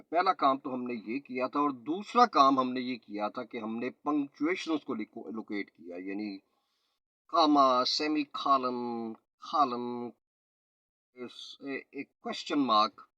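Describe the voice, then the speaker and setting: Guy teaching test pronunciation, talks real slow, crisp bright tone, kinda lo-fi dry audio. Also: medium pitch, no room sound. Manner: slow, explanatory, mixes in English phrases and tongue twisters. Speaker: IELTS and PTE trainer. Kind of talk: spoken teaching lesson. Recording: slightly dull, lo-fi audio.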